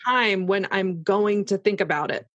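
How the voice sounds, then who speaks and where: A woman's voice: medium pitch, moderate pace, no room sound, highs cut off. A woman in casual, explanatory conversation, talking through examples as if voicing her own thoughts.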